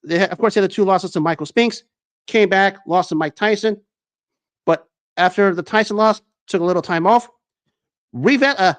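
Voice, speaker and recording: A man's voice: high voice, moderate pace. A man hosting a sports talk show, delivering an enthusiastic commentary monologue with frequent restarts and fillers.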